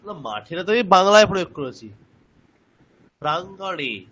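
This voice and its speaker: A man's voice: high-pitched, sing-song, moderate pace, fairly bright tone. A man teaching Sanskrit grammar in an online class, explaining patiently step by step.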